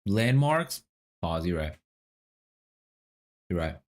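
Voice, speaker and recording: In a low, sing-song voice, a young man takes his time while casually reasoning through a word puzzle on stream. He murmurs guesses, swears here and there, and asks the chat if he's on track.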